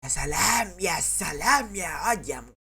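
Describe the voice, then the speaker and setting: A man with an Egyptian accent giving excitable live commentary on his own football video game, yelling at the referee and his players. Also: high-pitched, normal speed, gravelly, husky. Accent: Egyptian Arabic. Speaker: gamer.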